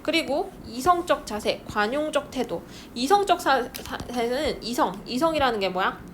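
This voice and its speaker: A young woman teacher giving a lively, chatty classroom lecture and acting out little scenes with students. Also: high-pitched, normal speed. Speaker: Korean literature teacher. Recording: noisy room recording.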